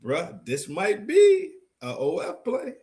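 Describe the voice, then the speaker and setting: Male co-host, high lively voice, loose excitable banter. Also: slow. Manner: excitable, slangy, stretches words. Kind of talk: casual podcast banter.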